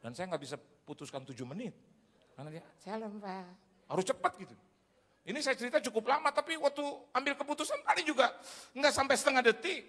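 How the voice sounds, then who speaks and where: Lively high-pitched preacher in a reverberant hall. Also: male voice, quick pace. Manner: animated storyteller who acts out the people in his anecdotes. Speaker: pastor. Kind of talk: humorous sermon storytelling. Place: large church hall. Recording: church hall reverb, faint background noise.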